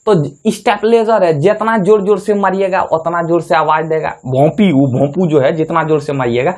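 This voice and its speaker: A man's voice: fairly high pitch, normal speed, darkish tone. A man teaching a biology class, who asks the students questions and answers them himself, with folksy, jokey asides.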